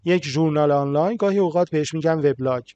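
A man with a Persian accent teaching an English writing lesson. He reads each English line slowly and clearly, then translates it quickly with small fillers. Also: on the high side, dark tone.

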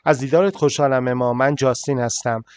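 A male English teacher explaining a listening lesson, saying English examples slowly and explaining them quickly. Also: medium pitch, steady tone, no room sound.

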